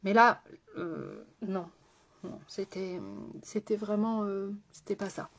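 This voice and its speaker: Chatty woman with a husky voice. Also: medium pitch, slow pace. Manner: chatty, talks straight to viewers, rambling asides. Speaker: makeup artist. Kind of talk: casual live makeup tutorial.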